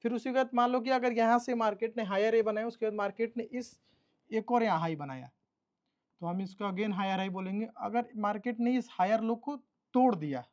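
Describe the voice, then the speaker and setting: Walking listeners through a chart in a trading course, a man repeats terms and keeps confirming that they understand. The high-pitched voice is a little mellow, and the audio sounds dull.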